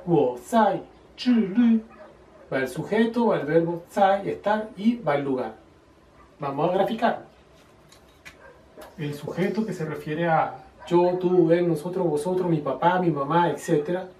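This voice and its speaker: A man's voice: a little high, darkish tone, slight background noise. Male teacher explaining step by step, echoey room. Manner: explains slowly, spells out example phrases. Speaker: Chinese teacher. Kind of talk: casual video lesson. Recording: echoey room, voice a bit far from the mic.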